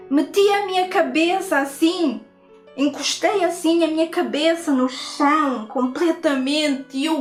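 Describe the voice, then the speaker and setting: Woman, European Portuguese accent, high-pitched, repeats herself earnestly in a testimony; roomy sound with quiet music bed. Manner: earnest, repetitive storytelling with tag questions. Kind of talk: personal faith testimony.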